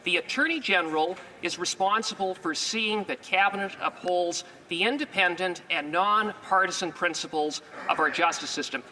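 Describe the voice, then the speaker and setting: A man's voice: sits high, sharp tone. A Canadian man putting a formal, accusatory prepared question as an opposition member of parliament. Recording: reverberant chamber, faint noise.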